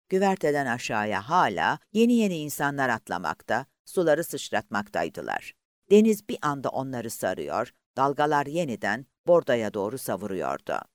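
A man narrating a novel in a dramatic audiobook reading. His voice rises and falls widely across every sentence, leaning into the tension of the scene. The sound is dry and close-miked, with no room echo. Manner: dramatic, highly varied reading.

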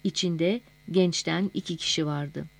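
A woman narrating a novel as an audiobook in a measured, steady reading voice. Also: lowish voice, gravelly.

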